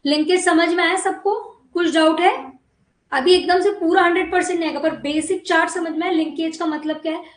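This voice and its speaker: Female biology teacher with a high voice, lecturing in an echoey room. Coaxing, keeps checking that the class follows. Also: steady tone, a little fast. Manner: coaxing, repeatedly checks understanding.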